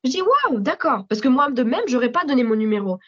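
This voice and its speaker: A woman with a French accent giving a spontaneous spoken testimony at a church meeting, animated storytelling with frequent restarts. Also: a little high, quick pace, breathy edge. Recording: slightly dull audio recording.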